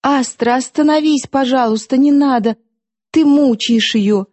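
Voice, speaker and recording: A woman's voice: high-pitched, expressive, a little fast, mellow, voice pushed up. A woman reading an audiobook, voicing a kind young woman who urgently begs a quarrel to stop. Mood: pleading. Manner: urgent, pleading.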